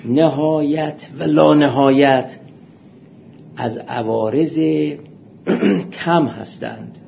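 A man giving a seminary philosophy lecture, explaining texts in a measured way and reading out quotations. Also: on the high side, creaky, darkish tone. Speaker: philosophy teacher. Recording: muffled lo-fi recording with faint hiss.

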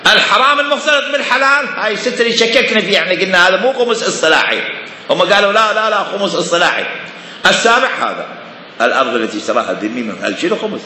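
A man's voice: high-pitched, animated, rapid-fire, pushed and bright, roomy sound, in a large hall. A man giving a seminary lecture on religious law, emphatic and full of rhetorical questions.

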